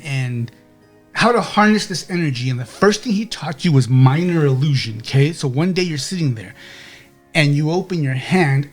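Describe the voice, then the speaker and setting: Guy running a tabletop game, kinda high voice, rambly, keeps saying okay. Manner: rambling, with many restarts and "okay?" checks. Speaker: game master.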